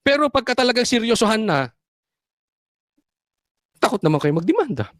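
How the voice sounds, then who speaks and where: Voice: mid-range voice, very animated, moderate pace, no room sound, studio quality. A political vlogger delivering a combative, sarcastic commentary monologue, full of rhetorical questions and repeated words for emphasis, with English phrases mixed in.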